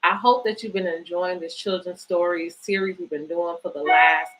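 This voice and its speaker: Poor audio captures a fairly low, slightly bright female voice with fairly even intonation and a moderate pace. She is a book organisation director hosting children's bedtime stories, reading picture books aloud and encouraging families.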